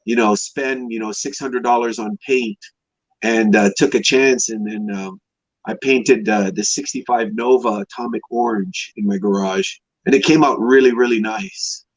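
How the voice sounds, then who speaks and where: Over a dull, dry lo-fi connection, a fifty-something man from Hawaii chats casually about his life as a podcast guest, drifting from story to story. He restores classic cars. His pitch is fairly low, his tone steady, and his speed normal in a dry recording.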